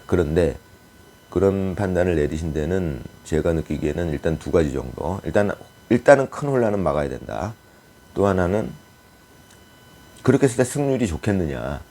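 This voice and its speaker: Low-voiced man musing over politics. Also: animated, normal speed, darkish tone. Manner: musing and speculative, with frequent hesitations and fillers. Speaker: political commentator. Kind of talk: casual political commentary monologue.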